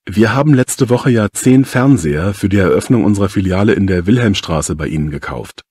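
A man acts out a courteous gym manager in a scripted customer call. His voice is lowish and husky, explanatory in manner, recorded dry. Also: a little mellow, no room sound. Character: polite male gym manager phoning about a fault. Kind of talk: scripted phone dialogue for language lesson.

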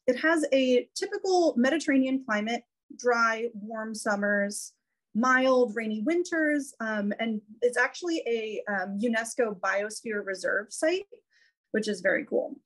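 A woman's voice: on the high side, rough recording. A woman giving an informal, educational slide presentation over a video call. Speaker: cheese educator presenting a webinar. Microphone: video call microphone.

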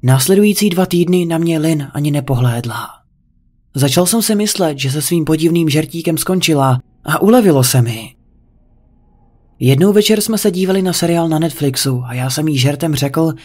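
Male narrator, higher register, reading horror fiction aloud. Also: darkish tone. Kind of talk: creepypasta narration.

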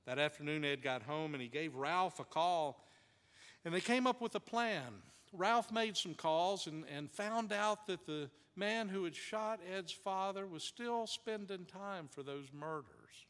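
A man's voice: sits high, lively intonation, a little slow, clear, resonant tone. Man preaching in a reverberant sanctuary. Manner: dramatic, varied pacing with hushed drops. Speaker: pastor. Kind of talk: sermon storytelling. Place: church sanctuary.

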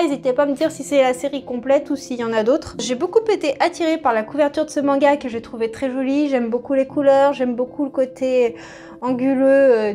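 This book vlogger, a high-voiced woman in her thirties, casually talks through her latest manga purchases at home, her chatty speech full of hesitations and stops. She's filmed from the front at mid-shot while gentle music plays low in the background.

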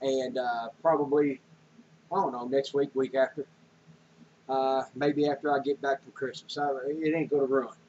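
In a small room at home, an older man with a mid-range, slightly mellow voice talks at a normal speed with fairly even intonation, wandering on about groceries and canning for a laid-back vlog. He uses lots of fillers. The webcam or handheld camera audio is dull and lo-fi, with a little hiss or hum.

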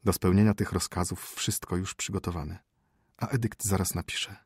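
A solemn old high priest, calm and formal, speaking low and hushed with a ceremonious cadence, as a male narrator puts him on. The voice is deep and husky, and it sits close and dry. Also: normal speed, no room sound. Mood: reassuring.

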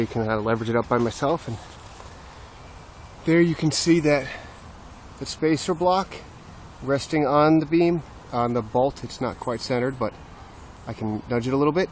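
A man's voice: medium pitch, normal speed, slight background noise. A man casually explaining his building work step by step, with a self-deprecating streak. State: slightly out of breath. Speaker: DIY builder. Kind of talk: casual how-to narration.

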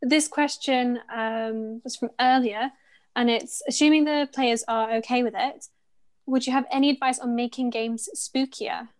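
A woman's voice: fairly high pitch, steady tone, measured pace. A woman moderating an online panel and reading out audience questions.

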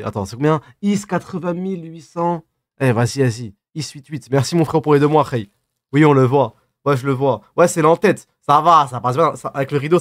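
Chatting casually from a desk in a small, dim room, this twentysomething live streamer reads viewer comments and fires back with teasing slang, his s sounds lisped. His voice sits on the high side, and the studio-quality audio has no room sound.

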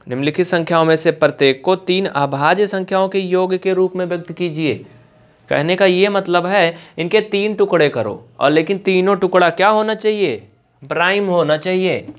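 Teaching maths online, this Indian man has a voice that sits high. He's chatty and coaxing, goes over points slowly more than once, and mixes English textbook terms into his explanations.

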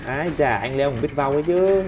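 A man commentating his own gameplay, excitable and talking back at the other players. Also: on the high side, brisk, background noise. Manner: excitable, talks and swears at on-screen opponents. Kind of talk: let's play commentary. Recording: game music playing under the voice. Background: game music and sound effects.

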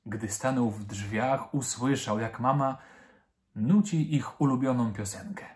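A man reading a children's story aloud, narrating in a gentle, expressive way. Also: medium pitch, unhurried.

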